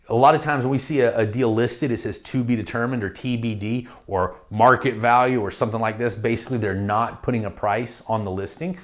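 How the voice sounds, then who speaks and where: A middle-aged man giving a training lecture on real estate investing, talking directly and conversationally and acting out phone calls to realtors. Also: medium pitch.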